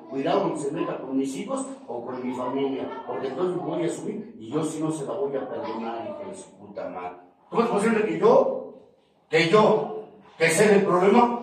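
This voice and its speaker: A man with a Mexican accent giving a heated, profane, confrontational testimony at a recovery group meeting. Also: high voice. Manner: profane, confrontational, preaching rant. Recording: very echoey room, far from mic, noisy.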